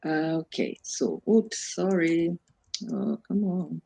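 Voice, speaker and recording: Through poor audio comes a warm, low voice with vocal fry, fairly even intonation and a slow pace. It belongs to a self-development coach from the Amazon region of Brazil, a native Portuguese speaker with a Brazilian accent, who leads an online workshop conversationally and keeps rephrasing her explanations.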